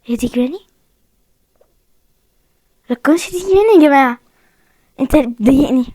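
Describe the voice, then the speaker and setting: A young woman with an Egyptian Arabic accent hosts a gaming video, talking to viewers as she plays a horror game and frequently voicing her fear. Her high-pitched voice is animated and warm at a fairly quick pace. The recording is dry and studio quality.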